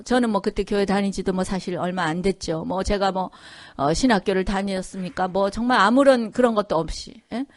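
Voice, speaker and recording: A woman's voice: medium pitch, no room sound, clean studio sound. A woman pastor giving a conversational Korean sermon, often checking in with the congregation and acting out the voices in her story. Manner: conversational preaching with frequent "그죠?" and "예?" asides. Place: church sanctuary.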